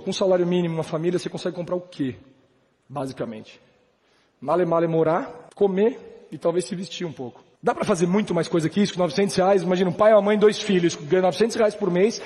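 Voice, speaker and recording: A man from Brazil delivers a motivational talk at a rapid clip, his voice sitting high for a man. He speaks emphatically and conversationally, throwing in slangy asides. The sound carries a long reverb from the large hall he speaks in. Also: darkish tone. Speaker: motivational speaker at a business event. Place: large hall with a live audience.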